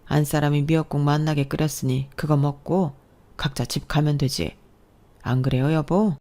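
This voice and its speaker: A kind elderly father-in-law, as a woman plays him in a storybook radio drama, speaking in a calm, soothing way. The voice is low and mellow. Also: normal speed. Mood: gentle. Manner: gentle, soothing.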